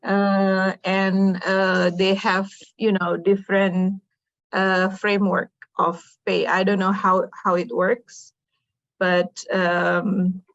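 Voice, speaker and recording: A woman's voice: medium pitch, flat delivery, slow, muffled recording. A woman from Indonesia hosting a casual online panel chat, asking guests questions with many fillers. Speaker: host.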